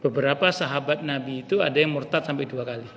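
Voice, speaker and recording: A man's voice: mid-range voice, fast talker, a bit bright. A male ustaz, giving a casual mosque study-circle sermon and acting out quoted lines as he tells stories. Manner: storytelling with acted quotes, plain colloquial. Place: mosque hall. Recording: reverberant mosque hall, faint hiss.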